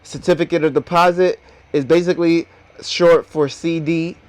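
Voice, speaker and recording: A man with a slightly high voice explains things directly to his viewers. He talks with braces on his teeth, which slightly impede his articulation. The sound is dry, with no room echo. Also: fairly even intonation, normal speed. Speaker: host of a personal finance video.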